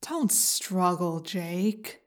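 A woman voicing a sneering alien parasite that speaks inside a boy's head, hushed and slow. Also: fairly low pitch, animated.

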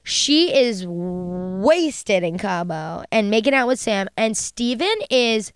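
A woman's voice: medium pitch, lively intonation, slow, clean tone, no room sound, clean studio sound. A woman in her thirties co-hosting a podcast, chatting casually and gushing, with plenty of swearing. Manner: gushing, profane, chatty storytelling. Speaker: podcast co-host. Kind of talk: casual chat.

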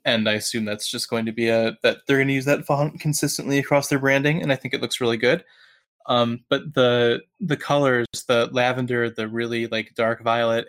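A man's voice: medium pitch, a bit bright. Easygoing, hesitant young man. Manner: easygoing, hesitant, filler-heavy. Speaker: podcast co-host. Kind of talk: casual sports podcast chat.

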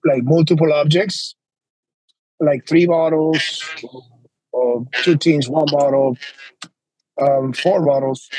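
A man's voice: fairly high pitch, darkish tone, husky, dry recording, low-quality recording. A man with an Argentine accent, a guest telling his story in a casual interview, earnest and rambling. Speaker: guest, flair bartender.

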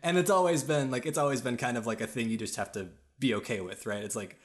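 Chatty low-voiced man rambling about games. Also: fast. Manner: rambling, filler-heavy, laughs often. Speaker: podcast co-host. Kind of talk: casual chat. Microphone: podcast mic.

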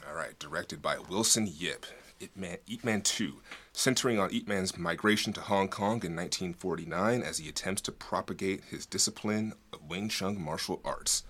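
A man with a low, forceful voice talks casually as a podcast co-host. His speech rambles along, peppered with filler likes. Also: moderate pace, breathy edge. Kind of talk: casual film discussion.

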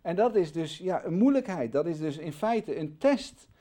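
A man with a fairly high voice teaches the Bible as a guest in a studio. His talk is animated: it sinks into quiet asides, then climbs to loud, emphatic stresses. The sound is a close studio microphone. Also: normal speed. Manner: animated, swings between soft asides and loud emphatic peaks. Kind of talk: conversational Bible study.

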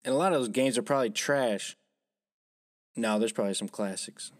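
Casting: young guy, mid-pitched, dry close recording, rambling jokey podcast banter. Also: brisk, no room sound. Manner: rambling, joking, swearing. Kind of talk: casual chat.

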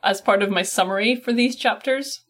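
A woman's voice: medium pitch, moderate pace, a bit bright. A woman hosting a casual book podcast, giving playful, rambling chapter summaries. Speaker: podcast host.

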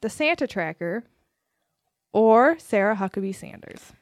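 A woman's voice: medium pitch, animated, unhurried, no echo, studio quality. A woman co-hosting a podcast, telling stories and running a quiz game with lots of laughing. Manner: giggly, storytelling. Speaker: podcast co-host, game runner. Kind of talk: casual chat.

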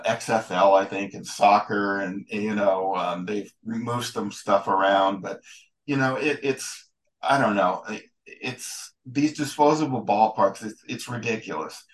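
A man with a lowish voice talks casually as a podcast guest, rambling along and restarting his sentences often. He sounds relaxed and conversational, answering questions at length. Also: low-quality recording. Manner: rambling, halting, with many restarts. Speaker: guest, ballpark photographer and historian. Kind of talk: casual interview talk.

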